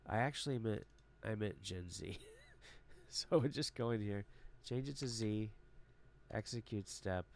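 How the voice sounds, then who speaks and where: A man casually walking through a software workflow demo, relaxed and chatty with frequent filler pauses. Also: fairly low pitch, a little hiss or hum. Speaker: tech tutorial presenter.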